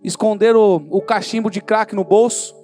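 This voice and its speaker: A fervent Brazilian man preaching his own testimony from the pulpit, his voice sitting very high. He tells the story vividly and acts out the dialogue. Soft instrumental music plays faintly behind him. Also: little pitch movement, a little fast. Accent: Brazilian Portuguese. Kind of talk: sermon testimony. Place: church service in a hall.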